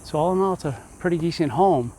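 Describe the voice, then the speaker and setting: A man's voice: a little high, fast talker, warm tone, low-quality recording. A man walking through a house, garage and yard, giving an easygoing home tour and thinking aloud as he goes.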